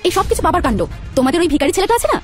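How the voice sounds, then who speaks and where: Brief: actress as arrogant jealous daughter, young woman, rapid accusing lines, music under. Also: expressive. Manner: shrill, accusing, taunting.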